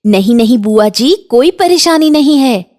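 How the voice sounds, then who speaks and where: A woman's voice: fairly high pitch, animated, unhurried, darkish tone, voice pushed up. A woman voicing a polite young daughter-in-law in a cartoon, eager to please. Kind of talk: Hindi cartoon voice acting.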